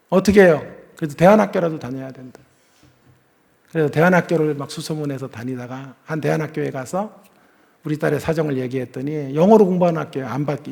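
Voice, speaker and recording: High gravelly Korean pastor storytelling. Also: male voice. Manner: storytelling, acting out family dialogue, swings from hushed to loud. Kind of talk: revival sermon.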